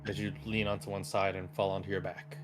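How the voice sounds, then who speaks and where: Man narrating a tabletop game, hushed. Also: deep voice, flat delivery, soft background music. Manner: slow, hushed storytelling with theatrical drops. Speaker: game master.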